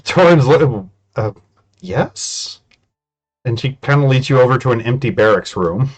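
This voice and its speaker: A man's voice: medium pitch, expressive, brisk, soft background music. A man casually narrating a tabletop game as game master, in an informal way.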